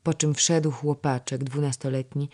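A narrator reading a historical novel in measured storytelling. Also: mid-range voice, level tone, a little mellow. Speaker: audiobook narrator.

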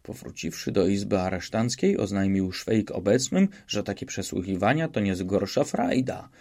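Guy reading an audiobook, warm mellow voice, steady and measured. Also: lowish voice. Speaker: audiobook narrator. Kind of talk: scripted narration.

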